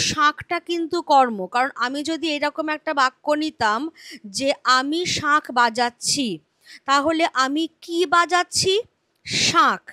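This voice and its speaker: A woman's voice: sits high, bright, forceful tone, no room sound. A woman teaching a grammar lesson, explaining patiently and asking and answering her own questions.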